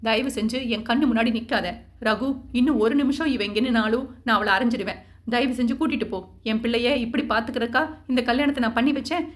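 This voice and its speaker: A woman voicing a furious, grieving middle-aged mother who scolds loudly. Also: on the high side, fairly quick, close to an everyday voice. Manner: scolding, shouting.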